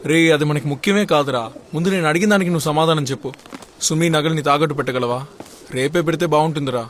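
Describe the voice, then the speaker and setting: An actor playing a stubborn, scheming young man in dubbed film dialogue, fast and pushy. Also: fairly high pitch, slight background noise, natural voice. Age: young adult. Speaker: son.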